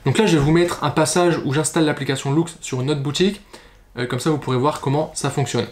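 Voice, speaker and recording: A man walking viewers through a software setup in a casual screen-recorded tutorial, explaining step by step with frequent fillers. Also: fairly high pitch, steady tone, fast talker. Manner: casual, explanatory, many fillers and verbal ticks. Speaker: e-commerce tutorial host.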